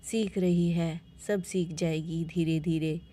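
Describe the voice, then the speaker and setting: A woman doing a grumbling old mother-in-law who scolds and complains at every turn. The storytelling voice stays low, slow and mellow. It is a sharp-tongued elder in a spoken family tale. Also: fairly even intonation. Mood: calm.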